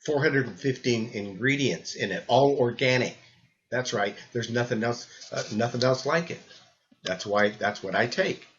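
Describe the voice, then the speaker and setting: An older man talks at a middling pitch, rambling and restarting with repeated words. His voice comes through the muffled, lo-fi sound of an old camcorder recording. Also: moderate pace, a bit bright. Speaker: health supplement presenter. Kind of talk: rambling spoken talk.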